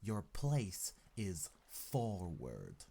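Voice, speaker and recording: A hard, impatient man barks orders with slow, deliberate menace, voiced by a male narrator. His low voice sits heavily on each word. The storybook reading keeps the pace unhurried. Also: wildly swooping pitch, gravelly, dark tone, breathy edge, full character voice. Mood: menacing. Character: stern, menacing grown man, impatient and commanding.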